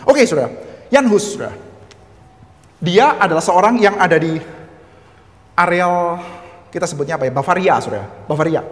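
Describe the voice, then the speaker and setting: A man's voice: sits high, animated, normal speed, pauses often, big-room sound. A man with a Javanese-tinged Indonesian accent giving a church history lecture, chatty and full of humorous asides, constantly addressing his listeners.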